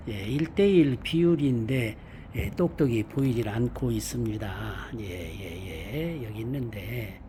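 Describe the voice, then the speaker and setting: A man giving an unscripted hands-on car maintenance demonstration, explaining step by step in a halting, repetitive way. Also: on the high side, mellow. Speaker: presenter of a car maintenance how-to video. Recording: amateur recording with background ambient noise.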